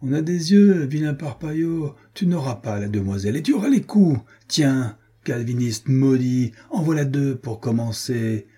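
A man's voice: medium pitch, warm tone, husky, lightly acted. A man voicing a mocking young nobleman who jeers and taunts his rival. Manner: jeering, quick with taunts.

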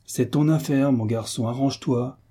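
A man's voice: mid-range voice, moderate pace, warm tone, lightly acted. A man doing a blustering old sailor uncle. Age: older. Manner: gruff and bluster, easily cowed.

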